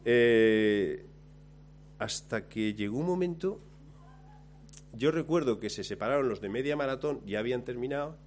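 A man's voice: medium pitch, normal speed, pauses often, a little hiss or hum. Self-mocking man telling a story. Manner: lively, self-mocking, acts out his own lines. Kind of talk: anecdote told to listeners.

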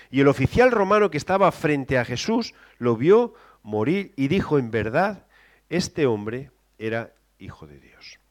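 A man preaching a sermon, moving between quiet scripture reading and loud, emphatic exclamations. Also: mid-range voice.

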